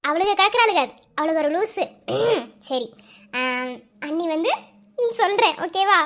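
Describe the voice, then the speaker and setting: Woman doing very high, squeaky cartoon voices. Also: lively intonation, measured pace, fairly bright tone. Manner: teasing, scolding, bantering between several women. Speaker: cartoon channel creator voicing all characters. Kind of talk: acted cartoon dialogue.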